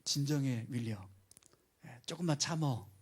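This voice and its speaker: A man voicing a patient elderly grandfather who talks soothingly in a lowered, softer voice. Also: normal speed, breathy edge, lightly acted.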